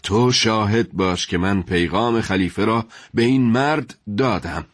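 A man voicing a calm, dignified male judge in a spoken story, speaking in a measured, formal way. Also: on the low side, dry recording, clean studio sound, close to an everyday voice.

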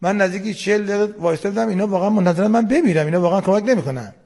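A man's voice: sits high, a little mellow. A man, a war veteran, recounting his memories in a plain matter-of-fact way. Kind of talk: spoken testimony.

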